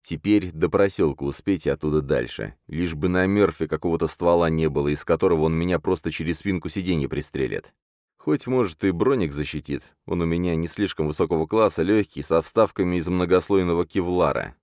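A man reading a first-person crime thriller audiobook, with a low, dry voice that leaps up sharply for shouted threats. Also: a little fast, no echo. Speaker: audiobook narrator.

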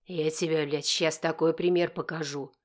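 A woman reading an audiobook, voicing a cold, furious middle-aged father with gruff, threatening speech. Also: low-pitched, steady tone, normal speed, pitched below the performer's own voice. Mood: angry. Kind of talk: audiobook character voice.

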